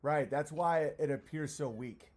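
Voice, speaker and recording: Higher-voiced man ranting on a livestream. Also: unhurried, a little mellow. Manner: profane, self-deprecating. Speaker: live streamer. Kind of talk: casual livestream rant, answering chat comments.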